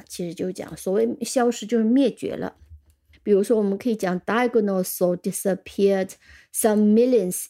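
A woman teaching English vocabulary in a radio lesson, reading example sentences slowly and then explaining them in a relaxed, chatty way. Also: mid-range voice, creaky. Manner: ends phrases with the filler "啊".

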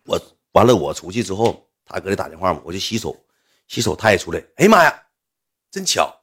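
A young man with a Northeastern Mandarin accent telling a casual, animated story and acting out the people in it. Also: low-pitched, fast, breathy edge, faint music behind.

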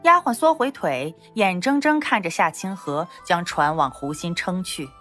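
A woman narrating a novel as an audiobook in an expressive storytelling manner. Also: lowish voice, a little slow, faint music behind. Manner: expressive storytelling, lively intonation.

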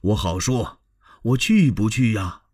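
A man's voice: on the low side, expressive, a little slow, a little mellow, husky. A man telling a traditional story, voicing a sly middle-aged male governor who talks in a falsely genial, evasive way.

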